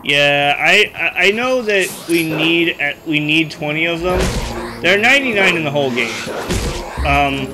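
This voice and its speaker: A man's voice: on the high side, animated, normal speed, low-quality recording. Chatty man narrating a game playthrough. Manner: chatty, rambling, thinks out loud. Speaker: let's play host. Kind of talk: casual video game commentary. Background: game music.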